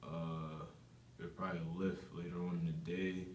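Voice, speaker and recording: A man's voice: low-pitched, flat delivery, normal speed, a little mellow. A young adult man giving casual interview answers as a student athlete. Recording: echoey room with faint background noise.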